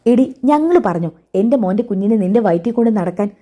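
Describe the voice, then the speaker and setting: A woman reading the part of a spiteful middle-aged mother-in-law, sharp and dismissive. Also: mid-range voice, lively intonation, fairly quick, natural voice. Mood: scornful.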